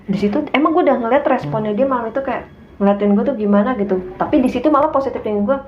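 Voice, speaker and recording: A young woman tells a story in Jakarta slang at a quick clip. She is animated and acts out what people said. The recording is roomy and a little muffled. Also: on the high side, crowd noise. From Indonesia. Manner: animated, acts out quotes in a raised voice. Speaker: guest. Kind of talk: casual storytelling. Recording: echoey room, dull sound, faint hum.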